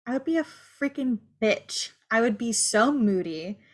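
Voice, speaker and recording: A woman's voice: a little high, lively intonation, a little slow. Candid woman podcast co-host. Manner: candid, loose, swears casually. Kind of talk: casual chat.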